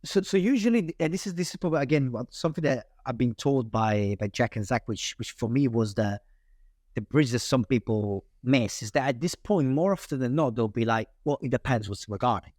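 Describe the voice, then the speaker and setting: An Italian-accented man, appearing as a sales guest, chats through cold-calling methods in a relaxed interview. Fast and animated, he keeps restarting his sentences mid-thought. His mid-range voice is recorded close and dry.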